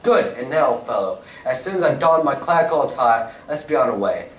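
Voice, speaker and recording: A man playing Sherlock Holmes as a shrewd, commanding Victorian gentleman detective, speaking precisely and theatrically in a radio-style stage play. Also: mid-range voice, animated, fairly quick, close to an everyday voice. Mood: brisk instructing. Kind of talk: old-time radio drama acting on stage. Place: community playhouse stage. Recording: roomy, distant stage recording, faint noise.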